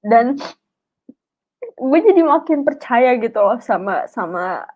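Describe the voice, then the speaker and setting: A young woman with a fairly high, sing-song voice speaks slowly, recorded with a tinny, phone-like sound. She gives a personal testimony, telling her story emotionally and in a rambling way packed with filler words.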